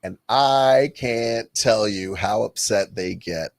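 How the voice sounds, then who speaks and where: A man's voice: on the low side, takes it slowly, dry recording. A man co-hosting a podcast, chatting in a playful, jokey way and acting out other people in his stories. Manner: playful, jokey, animated storyteller who acts out people. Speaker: podcast co-host. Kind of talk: casual chat.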